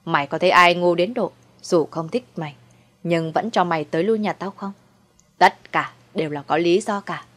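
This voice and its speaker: A woman with a low-leaning, slightly bright voice speaks at a moderate pace as she plays a cruel, conniving elderly mother-in-law in a storybook reading. The character drips contempt, mocking coldly in a sweet tone that turns to shrieking.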